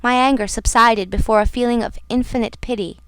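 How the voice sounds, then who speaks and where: Smooth clear woman narrating somberly. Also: a little high, steady tone, brisk, a bit bright, no room sound. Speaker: audiobook narrator. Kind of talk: scripted narration.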